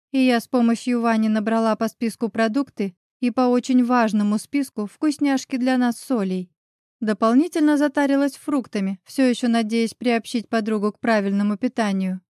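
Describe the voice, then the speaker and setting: Lady reading an audiobook in first person, calm and even, fairly high voice, dry close mic. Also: dry recording. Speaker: audiobook narrator. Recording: dry close studio sound.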